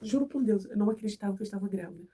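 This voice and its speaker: A woman's voice: medium pitch, very fast, dark tone, breathy edge, far from the mic. A young Brazilian woman with a cold, chatting to her viewers as she tells a personal story and acts out who said what. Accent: Brazilian Portuguese. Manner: chatty, acts out dialogue in the retelling. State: has a cold. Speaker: vlogger.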